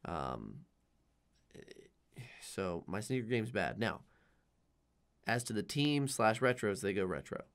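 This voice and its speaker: Young male podcast co-host, low voice, joking and loose. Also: slow, gravelly, pauses often. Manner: jokey, animated, swings loud and quiet. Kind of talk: casual chat.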